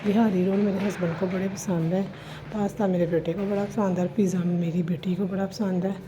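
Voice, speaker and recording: A woman's voice: fairly low pitch, fairly even intonation, fairly quick, dark tone. A woman, narrating a casual home and cooking vlog in a chatty, homely way. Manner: chatty, homely, addresses viewers as "ji". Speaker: vlogger. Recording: slightly dull lo-fi recording with faint ambience. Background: faint household noise.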